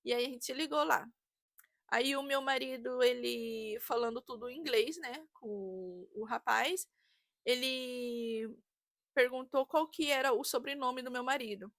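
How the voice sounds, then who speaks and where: A woman's voice: sits high, measured pace, no echo, clean studio sound. A woman, telling a story casually and animatedly as a vlogger. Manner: chatty, animated, re-enacts dialogue.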